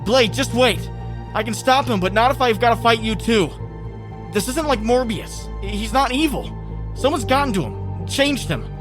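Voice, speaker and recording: A man's voice: extremely high pitch, lively intonation, moderate pace, over music. A man voicing an anxious, wisecracking young superhero in a comic dub, talkative and earnest. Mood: urgent, pleading.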